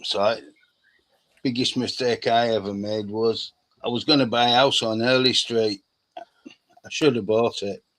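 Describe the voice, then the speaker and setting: A man's voice: mid-range voice, steady tone, a little slow, fairly bright tone, rough recording. A man with a Yorkshire accent in casual chat, dry and brief in his remarks, talking over a remote call. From East Yorkshire, England. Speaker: podcast co-host. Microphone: remote call setup.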